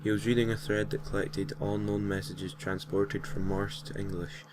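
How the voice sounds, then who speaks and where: A deep-voiced man hosting creepypasta readings reads a creepy story aloud in an amateur style at a moderate pace. His delivery is flat, he stumbles over words and corrects himself, and clear background noise runs through the home recording.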